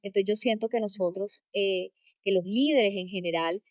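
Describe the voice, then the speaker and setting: A woman with a coastal Colombian accent answering in an interview, emphatic and expressive, building her points in repeated phrases. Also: medium pitch, moderate pace, dry recording, clean studio sound. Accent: coastal Colombian (costeño). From Caribbean coast of Colombia. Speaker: interview guest, corporate trainer and coach. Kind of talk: conversational interview answers with anecdotes.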